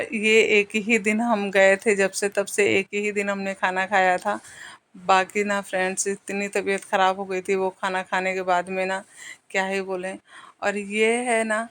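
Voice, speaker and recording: Chatty young woman vlogger, flat pitch. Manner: chatty, addresses viewers as friends; rambling with fillers and restarts. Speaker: family vlogger. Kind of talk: casual travel vlog narration.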